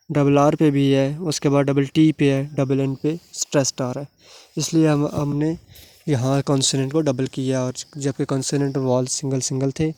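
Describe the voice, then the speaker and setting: A man teaching a spoken lesson, explaining rules slowly and deliberately, spelling out letters, with frequent hesitations. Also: mid-range voice, warm tone. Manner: frequent hesitations and clears throat. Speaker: English teacher.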